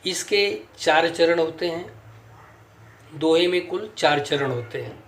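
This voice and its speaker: A man gives a classroom lesson at a very slow, careful pace. His voice sits a little high for a man, and he breaks words into sounds and counts them out one by one. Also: fairly bright tone, reverberant, a little hiss or hum. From India. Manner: slow, counts syllables aloud and spells sounds out. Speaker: teacher.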